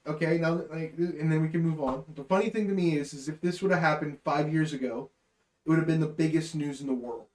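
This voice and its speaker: A man in his late twenties co-hosting a podcast, talking in an animated, teasing way as he builds up to jokes. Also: on the high side, fast talker. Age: 20s. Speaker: podcast co-host. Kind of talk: casual chat. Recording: echoey room.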